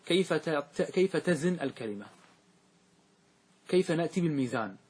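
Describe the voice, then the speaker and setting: A man's voice: on the high side, animated, normal speed, a little mellow, husky. A man teaching a grammar lesson in a classroom, quizzing his students and having them answer back. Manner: questioning, drills students in call and answer.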